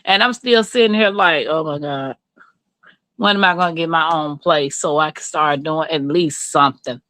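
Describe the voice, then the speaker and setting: A middle-aged livestream host from rural Mississippi talks with viewers in a low, sharp voice at a moderate pace. Her Southern accent comes through as she chats in a candid, folksy, casual way, and the recording is dry.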